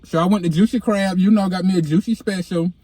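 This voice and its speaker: High-voiced man with a lisp, whistling s. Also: fairly even intonation, fast talker, mellow, no room sound. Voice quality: lisp with whistling s from dental aligners. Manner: slangy, candid, sassy. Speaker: vlogger, podcast host. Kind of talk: casual chat to followers. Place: inside a car. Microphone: handheld phone.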